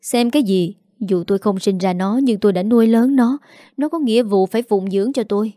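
A woman voicing a quarrelsome, greedy middle-aged mother who scolds fast and sharply. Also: medium pitch, warm tone, no echo, studio quality, lightly acted. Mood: angry scolding.

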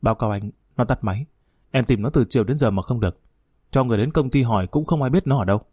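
A remorseful middle-aged police officer speaks low and pleading to his father, as a narrator puts him on. The voice is husky and dark, read at a storybook pace. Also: fast, dry recording, clean studio sound, lightly acted. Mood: reporting.

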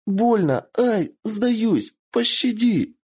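A man's voice: mid-range voice, lively intonation, measured pace, a little mellow, slightly rough, voice pushed up. A man voicing a naive, playful young female fox spirit in a squealing, childlike voice in an audiobook. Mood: pained pleading. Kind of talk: audiobook character voice.

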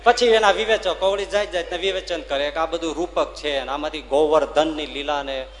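A man with a Gujarati accent, a swami, telling devotional stories in a sermon, swinging from loud dramatic bursts to slow, measured verse. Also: a little high, big-room sound, a little hiss or hum. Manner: lively storyteller, rising loud for drama and slowing to chant verses. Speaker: swami giving a religious discourse.

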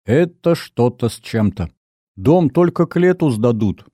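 A man's voice: mid-range voice, lively intonation, unhurried, warm tone, no echo, clean studio sound. A man voicing a fussy, affectionate middle-aged mother in an audiobook, with doting, fretful exclamations. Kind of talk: audiobook character voice.

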